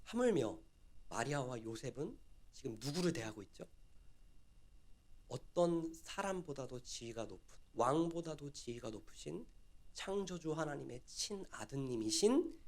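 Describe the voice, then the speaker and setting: A man's voice: mid-range voice, very animated, unhurried, a little mellow. A man preaching a sermon, retelling a story and asking his listeners questions. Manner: storytelling, acts out quoted dialogue and asks the listeners questions.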